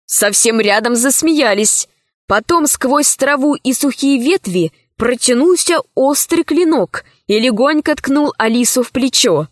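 A woman with a fairly high voice reads a children's adventure story aloud. Her delivery is calm, unhurried and clear. The recording is close and dry. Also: no echo. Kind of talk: scripted narration of a children's adventure book.

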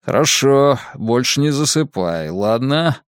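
A man voicing a calm, menacing masked torturer who taunts his captive in a slow, drawn-out way, in an audiobook. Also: medium pitch, dry recording, clean studio sound. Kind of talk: audiobook character reading.

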